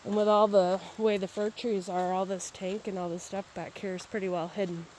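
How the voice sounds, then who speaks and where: Filming a walkthrough outdoors, this woman talks as she walks along a creek on wooded land, her chatty narration a little fast with little pitch movement. She has a medium, darkish voice, and the low-quality audio carries faint background noise and the sound of babbling water.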